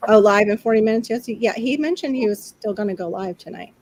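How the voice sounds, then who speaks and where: A woman's voice: medium pitch, brisk, darkish tone, low-quality recording. A middle-aged woman chatting casually on a livestream, laughing often and acting out quotes.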